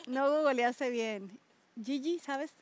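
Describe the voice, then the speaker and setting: Lively woman pastor. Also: high voice, slow. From Colombia. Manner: animated, asks listeners questions, stretches words for emphasis. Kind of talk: conversational sermon to a small group.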